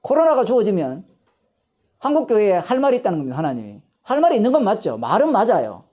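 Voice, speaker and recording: A woman pastor giving a Bible lecture sermon, emphatic and animated, posing rhetorical questions and answering them herself. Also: mid-range voice, quick pace.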